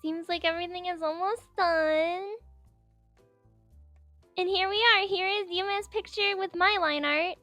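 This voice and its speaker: An artist narrates her speedpaint in a casual voice-over, her voice high and light, pitched above her normal speaking voice for the mic. She rambles, giggles a lot and peppers her speech with "like," keeping a fairly even intonation, an unhurried pace and long pauses. Soft music plays faintly behind her, with no room sound.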